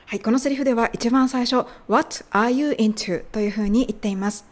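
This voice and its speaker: A woman whose native language is Japanese, hosting an English lesson podcast, explaining and slowly modeling English phrases. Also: fairly high pitch, steady tone, a little mellow. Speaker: English teacher.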